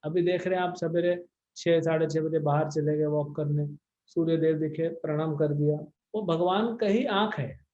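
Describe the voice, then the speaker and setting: A man's voice: a little high, steady tone, moderate pace, a little mellow, muffled recording. A man, a spiritual teacher, answering devotees' questions on a video call in a blunt, scolding way with English words mixed in. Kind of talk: devotional Q&A discourse.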